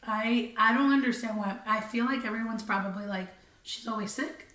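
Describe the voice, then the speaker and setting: A woman co-hosting a casual podcast in a living room, her voice hoarse and worn, talking in quick chatty bursts. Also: a little high, a bit bright. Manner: chatty, quick, laughing between lines. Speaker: podcast co-host. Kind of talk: casual chat. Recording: roomy echo, mic far off.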